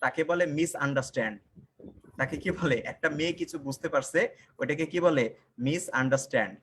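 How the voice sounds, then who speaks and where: A man's voice: medium pitch, a little fast, a bit bright, slight background noise. A young man teaching English in a live online class. He puts questions to the viewers, answers them himself and says the key lines twice.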